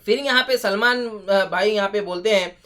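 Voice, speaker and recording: A man's voice: sits high, normal speed, sharp tone. A man giving casual review commentary on a TV show, chatty and exclaiming often, with many fillers.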